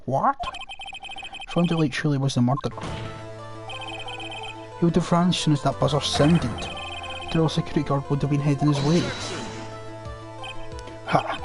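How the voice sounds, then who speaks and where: Man voicing a courtroom game. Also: fairly high pitch. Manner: switching between courtroom characters. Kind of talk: voice-acted game playthrough. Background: music.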